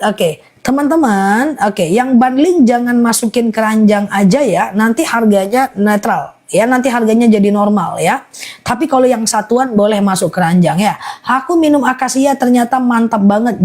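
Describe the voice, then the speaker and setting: A woman's voice: mid-range voice, a little mellow. A woman selling honey on a live stream, rattling off long lists of ailments in a chatty, reassuring patter.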